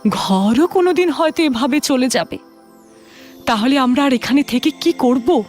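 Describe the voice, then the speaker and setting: Woman playing high-voiced, steadfast village wife. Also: lively intonation, moderate pace, a little mellow, soft background music. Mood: gently resolute. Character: steadfast, reassuring, devout wife of poor farmer. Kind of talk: cartoon dialogue.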